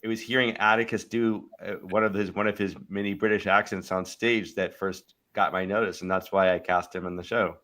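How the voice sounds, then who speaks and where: A man's voice: low voice, steady tone, fairly quick, few pauses, fairly bright tone. A man who produces and casts a show, talking modestly and laughing easily in casual chat. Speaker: show producer and casting director.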